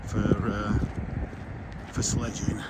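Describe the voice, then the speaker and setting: A man's voice: fairly low pitch, level tone, takes it slowly. A man chatting casually while walking through parkland, thinking aloud with fillers, recorded on a camera mic. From England. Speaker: walking vlogger. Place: outdoors in open parkland. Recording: loud wind noise on outdoor mic. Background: wind.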